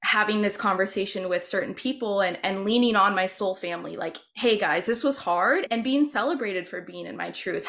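A woman guest talking over a video call in a candid, emphatic way. She swears casually and acts out what other people said to her. Her voice sits at an ordinary middle pitch. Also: a bit bright. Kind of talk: round table conversation.

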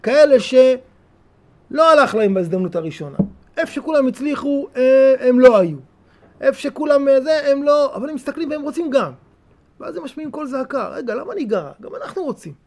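High-voiced rabbi giving a lively sermon. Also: male voice. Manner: animated, rising to pleading cries then dropping to soft asides. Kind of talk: weekly Torah talk.

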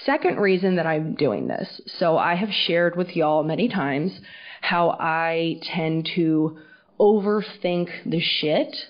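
A woman's voice: deep voice, lively intonation, slow pace. Woman host with muffled, underwater-sounding audio. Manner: candid and chatty, swears freely. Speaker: podcast host. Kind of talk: casual solo podcast talk. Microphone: recording to video camera.

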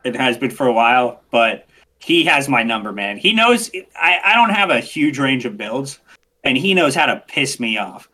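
A man chatting casually as a podcast guest, animated and excitable, often restarting his sentences. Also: mid-range voice, moderate pace. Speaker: podcast guest, game streamer. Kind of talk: casual interview chat.

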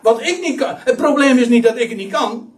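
A man's voice: very high-pitched, brisk. A man preaching a Bible-teaching sermon, emphatic and full of restarts. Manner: animated, emphatic, many restarts. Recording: voice somewhat far from mic.

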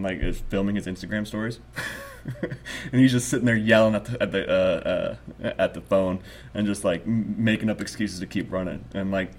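A man talking casually as a podcast co-host, telling stories in a loose, profane, rambling way and laughing often. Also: low voice. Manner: excitable, rambling storyteller with frequent laughs. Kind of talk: casual chat.

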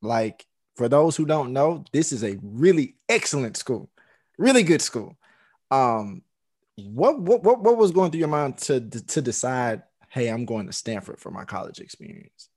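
A man's voice: mid-range voice, very animated, unhurried, darkish tone. A man hosting a casual interview, asking questions in a conversational way and repeating phrases as he frames them. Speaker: interviewer, host.

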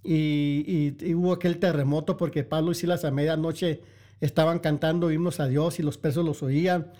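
A man's voice: fairly high pitch, little pitch movement, moderate pace, mellow. A middle-aged man preaching a sermon as pastor, repeating and restarting phrases for emphasis and calling his listeners brother and sister.

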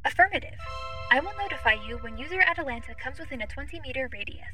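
Audio drama: too-smooth female android assistant played by a woman, high, bright and crisp, polite, literal and quietly curious. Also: fast talker, faint music behind. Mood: helpful, curious. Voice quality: too smooth, even, formal android-like phrasing. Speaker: ship's AI assistant.

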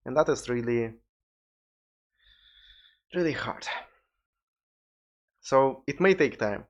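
A man's voice: medium pitch, animated, slow pace. A tired man with a Russian accent, hosting a solo podcast in a rambling, informal way with some swearing. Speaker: podcast host. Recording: dull lo-fi recording.

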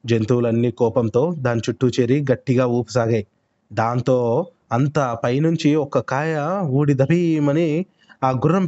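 A male storyteller narrating a children's tale in an expressive way, full of lively sound words. His voice sits a little high for a man. The recording is muffled and lo-fi.

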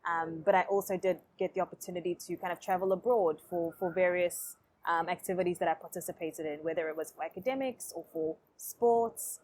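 A young woman answers questions on a podcast. Her voice sits a little low, and she speaks in a relaxed, reflective way, with easy fillers as she thinks. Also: a little fast, few pauses. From South Africa. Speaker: podcast guest. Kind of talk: casual interview conversation.

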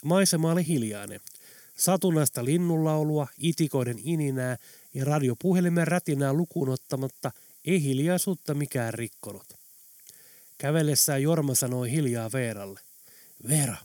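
A man narrating an audiobook in a steady, even reading manner. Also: a little high, dry recording, clean studio sound. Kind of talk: scripted narration.

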